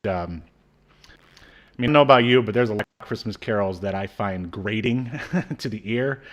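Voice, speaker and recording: A man in his thirties with a lowish voice at normal speed co-hosts a casual media review podcast from a small room at home over a video call setup. He rambles hesitantly, dropping dry asides.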